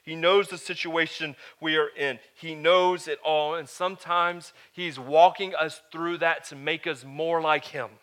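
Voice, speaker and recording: A man preaching a sermon to a live congregation, conversational, with joking asides, swinging from hushed to loud. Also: on the high side, steady tone, a little slow, few pauses. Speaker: pastor.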